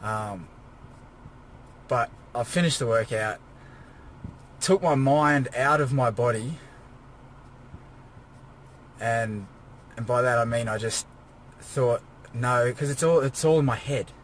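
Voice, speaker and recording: A man's voice: mid-range voice, takes it slowly, long pauses. An exhausted, drained man giving a casual, rambling personal rant as a fitness vlogger sitting in his car, weary but pushing himself on. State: exhausted, drained after a workout. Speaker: fitness vlogger preparing for a bodybuilding show. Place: inside a car. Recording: noisy car interior, vehicle ambience.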